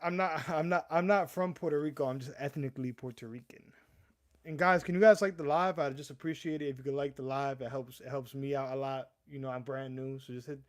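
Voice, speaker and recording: A young livestream host from the US East Coast talks in a mid-range voice, steady in tone and a little fast. His casual chat rambles, broken up by frequent stammers and restarts, and he calls his viewers "bro."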